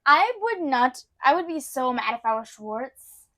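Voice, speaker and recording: Young female co-host, high voice, casual chatter with fillers. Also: lively intonation, a little slow, sharp tone. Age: young adult. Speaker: podcast co-host, daughter. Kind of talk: casual chat and reading plot summaries.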